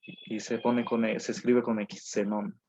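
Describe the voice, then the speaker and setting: A male teacher giving an online class, dictating notes slowly with many fillers and repeated phrases. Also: medium pitch, level tone, darkish tone. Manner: slow dictation with frequent fillers and repetitions. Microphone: video call. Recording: dull lo-fi online call audio.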